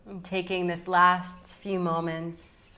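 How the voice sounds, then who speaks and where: In a slightly low voice, a woman leads a relaxation meditation in the style of a yoga nidra teacher. She talks very slowly and calmly, with long pauses separating her soothing phrases, never hurrying.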